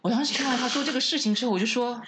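A woman's voice: a little high, rapid-fire, background noise. A woman, co-hosting a podcast, telling stories in casual chat with laughs. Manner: chatty storytelling with laughs. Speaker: podcast co-host.

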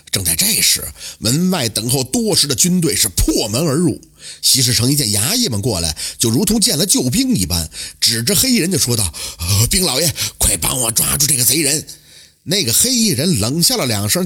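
A man narrating a traditional folk tale in a lively, dramatic storytelling manner. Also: mid-range voice, breathy edge.

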